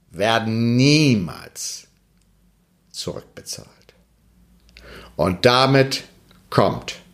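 A man who reads a children's tale slowly and then comments in a deliberate tone, with hesitant fillers. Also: lowish voice, fairly bright tone. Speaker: storyteller and foundation spokesman.

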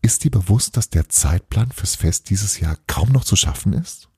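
A man voicing Santa Claus's calm, sensible wife who cautions in a measured way, in a storybook reading. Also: lowish voice, slightly rough, no room sound, clean studio sound, full character voice. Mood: cautioning.

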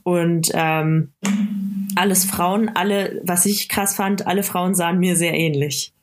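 A woman with a slightly low voice tells a personal story in a relaxed conversational way. She hesitates a lot, filling gaps with small sounds and restarting her sentences as she goes. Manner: halting, many fillers and restarts. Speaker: interview guest.

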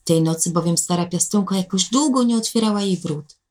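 A woman narrating a fairy tale in a measured, expressive way. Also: medium pitch. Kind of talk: storybook narration.

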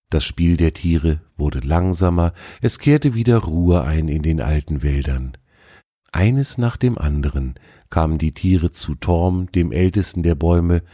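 Man, deep low voice, lively melody, children's story narration. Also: dry recording, clean studio sound.

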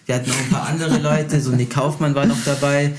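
This young adult man, a native Portuguese speaker with a Brazilian background, chats casually and tells anecdotes in a slangy, boastful, unfiltered way. His voice is a little high with a flat delivery, and he talks fairly quickly over a slight hiss or hum.

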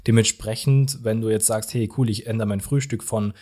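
A man with a fairly low voice explains weight loss on a podcast. He is energetic and emphatic, and he keeps turning to the listener with direct questions. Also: normal speed.

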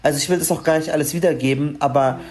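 A woman's voice: low voice, steady tone, racing, a little mellow. A woman speaking frankly in a casual discussion, telling personal stories with frequent restarts.

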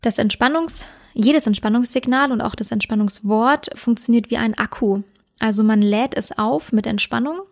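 A woman hosting a dog-training podcast, explaining calmly with many fillers and self-corrections. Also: fairly high pitch. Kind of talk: casual instructional podcast talk.

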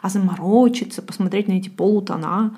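A woman in her late twenties co-hosts a podcast, chatting casually and self-ironically while thinking aloud with fillers. Her husky, dark-toned voice is medium in pitch and quick, captured on a podcast microphone.

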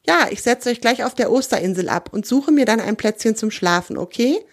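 A woman's voice: a little high, expressive, a little fast. A woman voicing a friendly, cheerful giant female albatross in a children's storybook reading. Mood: sleepy.

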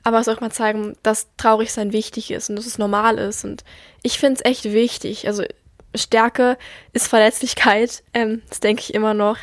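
A young woman hosts a podcast, sharing a casual, personal monologue in an earnest, reflective, somewhat subdued way. Her voice is on the high side with a level tone at normal speed. The recording is dry and studio quality.

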